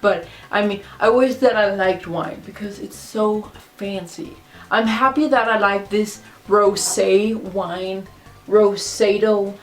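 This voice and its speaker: A woman's voice: mid-range voice, fairly even intonation, slow pace. A tipsy woman with a mid-range voice speaks English as a second language in a casual vlog monologue. She is drunk, rambling and repetitive, sharing in a confessional way, with music in the recording. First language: not English. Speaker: video blogger.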